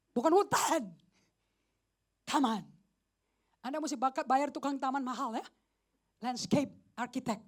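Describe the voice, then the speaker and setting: A woman pastor giving a lively, joking sermon at a church service, slipping in English phrases and often asking the congregation questions. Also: very high-pitched. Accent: Indonesian. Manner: animated, mixes English phrases, jokes with the congregation.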